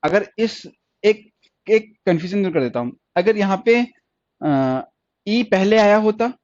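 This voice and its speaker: This high-pitched man, whose tone runs somewhat dark, is giving a stenography lesson over the internet. He says things repeatedly and raises questions only to answer them. The sound is lo-fi with no echo.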